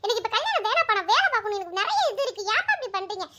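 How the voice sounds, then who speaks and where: Woman voicing a young cartoon bride, very high squeaky voice, racing speech, pleading. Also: very animated, very fast, sharp tone, full character voice. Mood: protesting. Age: 20s. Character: young woman daughter, stubborn then shy bride. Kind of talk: cartoon voice acting.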